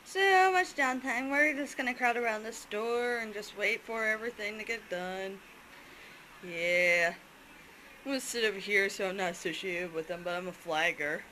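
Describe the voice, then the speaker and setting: A woman's voice: medium pitch, steady tone, moderate pace, bright, forceful tone, low-quality recording. A woman vlogging casually in her apartment, venting bluntly and swearing freely while a little out of breath. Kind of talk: casual vlog chat. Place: hot apartment room with open windows. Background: construction noise and outdoor ambience.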